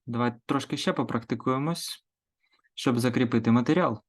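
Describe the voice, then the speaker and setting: A male language teacher giving a grammar lesson, slowly and deliberately drilling verb forms word by word. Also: medium pitch.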